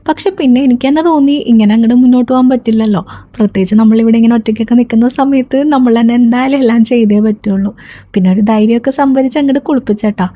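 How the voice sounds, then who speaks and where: A young mother who vlogs narrates her day in a chatty voice-over, often ending sentences with a soft "tto." Her voice is a little high and the recording has no room sound.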